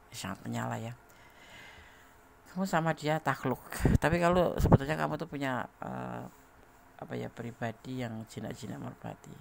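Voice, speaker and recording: A man's voice: mid-range voice, gravelly, a little hiss or hum. A man giving a casual tarot reading, chatty and laughing often as he talks straight to the listener. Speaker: tarot reader.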